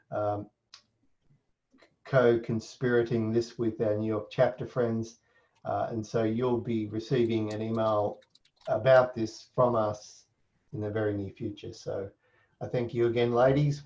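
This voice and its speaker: A man hosting a video call, giving halting closing remarks with many restarts. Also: on the low side, darkish tone. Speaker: event host. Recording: dull lo-fi call audio.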